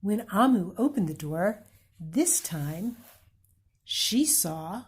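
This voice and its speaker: A woman reading a children's picture book aloud, slow and gentle, pausing to point out the pictures. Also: mid-range voice, lively intonation, breathy edge. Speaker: read-aloud reader.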